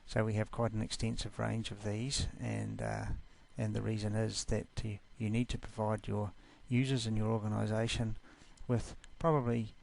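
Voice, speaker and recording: A New Zealand man with a matching accent gives a relaxed, informal screencast walkthrough of a software class. His gravelly voice sits on the low side, with a level tone, normal speed, and hardly any pauses.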